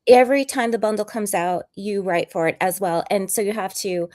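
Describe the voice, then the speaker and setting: A woman hosting a casual interview on a video call, gushing with praise and firing off quick questions. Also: medium pitch, darkish tone. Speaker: host.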